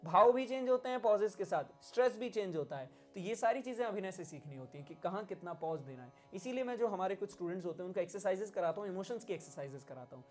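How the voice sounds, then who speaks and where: Indian guy music teacher, acts out little lines as he explains, soft music behind. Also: high-pitched, lively intonation, quick pace, few pauses. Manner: demonstrative, acts out emotions and lines. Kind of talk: spoken music lesson.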